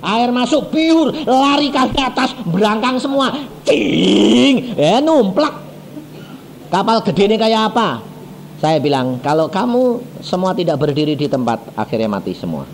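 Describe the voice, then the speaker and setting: A man preaching a sermon as an evangelist, telling stories in an animated way, acting out the voices of the people in them and putting questions to the congregation. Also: high-pitched, moderate pace, a little hiss or hum. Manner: animated storytelling, acts out quoted voices, asks the congregation questions.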